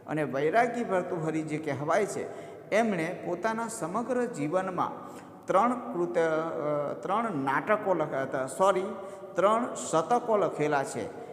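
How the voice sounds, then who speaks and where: A man's voice: fairly high pitch, lively intonation, unhurried. A man teaching a lesson to students, telling a funny story and then explaining the lesson step by step with lots of repetition. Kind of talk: classroom lesson with humorous story. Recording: echoey room with long reverb.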